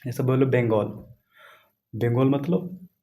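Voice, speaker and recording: In a casual grammar class, a man goes over English points repeatedly, writes on a board, and asks students questions to be sure they keep up. He speaks slowly in a medium-pitched, steady voice with a dark tone.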